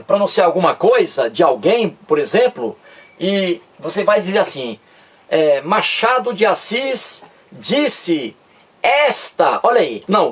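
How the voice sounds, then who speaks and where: A man teaching grammar to online viewers in a casual lesson. He keeps saying "look here" and slows way down to stress example phrases. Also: on the high side, breathy edge.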